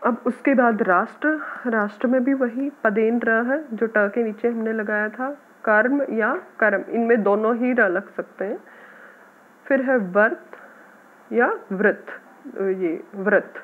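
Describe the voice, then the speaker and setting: A woman teacher patiently explaining a grammar lesson to schoolchildren, sounding out words slowly. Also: a little high. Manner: patient, addresses students as "beta", repeats words slowly. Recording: tinny phone-like audio.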